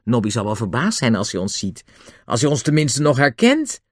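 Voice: medium pitch, big pitch swings, normal speed, no room sound, studio quality. A reader voicing a sensible older boy who lays out plans in a matter-of-fact way. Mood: calm.

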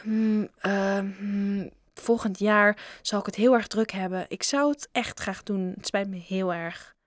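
A woman voicing a sulky schoolboy, high and fretful. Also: fairly even intonation, no room sound, clean studio sound, close to an everyday voice. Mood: flustered. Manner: sulky, quick to refuse. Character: boy, a complaining friend.

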